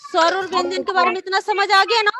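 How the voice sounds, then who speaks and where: A woman's voice: very high voice, level tone, crowd noise. A woman teacher patiently reciting letters and explaining to children in an online class. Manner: slow, patient, drawn-out recitation.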